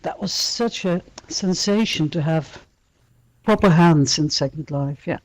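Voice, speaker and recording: A woman's voice: low voice, unhurried, no echo, rough recording. A woman co-hosting an interview in casual chat, agreeing and thanking the guest. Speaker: co-host.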